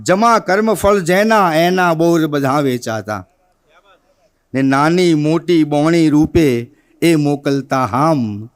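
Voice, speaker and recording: A man with a reciting poetry at a poetry gathering, chanting verses slowly and then telling a comic tale with quoted dialogue. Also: fairly high pitch.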